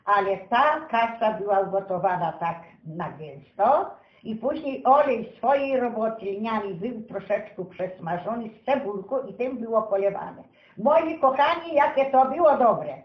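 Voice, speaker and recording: An elderly woman in her seventies or older tells unscripted stories from her village childhood, folksy and full of diminutives. Her high-pitched voice is unhurried but animated. The sound is roomy and slightly dull.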